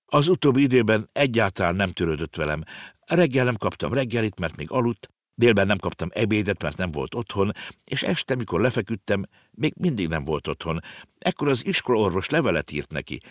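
A man's voice: no echo, clean studio sound. A man voicing an earnest, know-it-all little girl in an audiobook reading. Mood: sorrowful. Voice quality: high, lively, explaining.

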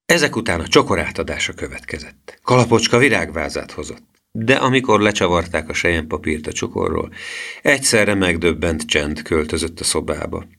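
Deep-voiced male audiobook narrator. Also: vocal fry. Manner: steady, storytelling. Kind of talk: children's book reading.

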